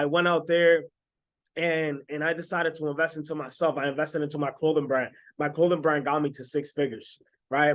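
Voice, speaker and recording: A young man in his twenties, from the Dominican Republic, talking straight to his viewers as a self-made coach. His voice sits a little high, and he keeps up a pumped, salesy energy, checking in with a quick "right?" after his points. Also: a bit bright. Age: 20s. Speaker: online business coach. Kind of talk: motivational sales pitch to camera.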